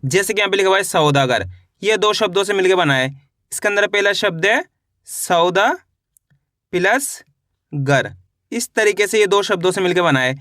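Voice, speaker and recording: High bright-voiced male teacher. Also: lively intonation, no echo, clean studio sound. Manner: slow drilling, repeats each syllable, asks "how will we read?". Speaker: Hindi reading teacher. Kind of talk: online lesson.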